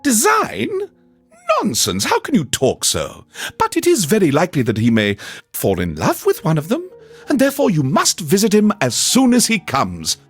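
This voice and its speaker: Casting: excitable middle-aged wife, husky falsetto, wildly swinging pitch, fluttery and exclamatory, for a storybook reading. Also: male voice, normal speed, soft background music, heavily acted. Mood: exasperated. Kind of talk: storybook reading in a game radio show.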